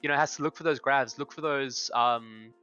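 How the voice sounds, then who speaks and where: Bright-voiced male esports analyst. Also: medium pitch, normal speed, smooth, highs cut off, faint music behind. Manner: thoughtful, rambling with many fillers. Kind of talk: esports analysis desk chat.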